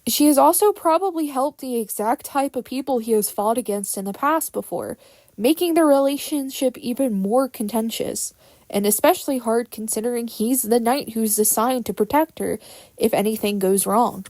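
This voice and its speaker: High-voiced woman on an opinionated rant. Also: normal speed, a little mellow, no echo. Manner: informal, sarcastic asides. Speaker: fan fiction creator. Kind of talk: casual scripted rant explaining characters.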